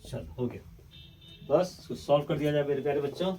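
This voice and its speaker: Male chemistry tutor, higher-pitched voice, coaxing and repetitive, recorded from a distance with faint room noise. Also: a little fast, warm tone. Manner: addresses students as children, coaxing and repetitive; moves away from the mic while writing, voice fading in and out. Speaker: chemistry teacher. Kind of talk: blackboard lecture solving problems.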